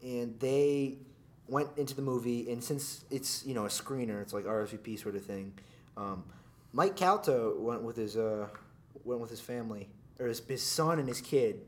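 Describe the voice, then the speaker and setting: A man's voice: medium pitch, normal speed. A man co-hosting a podcast, telling a story in a rambling casual way with lots of fillers and restarts. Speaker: podcast co-host. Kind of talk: casual chat.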